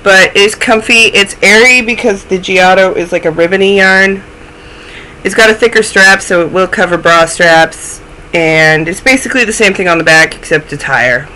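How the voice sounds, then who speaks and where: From a small room in her home, a young woman hosts a knitting podcast, talking casually to a webcam at a moderate pace. Her mid-range voice is bright and forceful but stuffy and snuffly, and she jokes at her own expense. There's a little hiss or hum on the low-quality recording.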